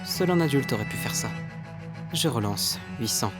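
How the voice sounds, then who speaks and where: A man playing a shrewd, cool-headed gifted youngster in a cartoon, measured and articulate. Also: medium pitch, lively intonation, over loud music, natural voice. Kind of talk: animated cartoon dialogue.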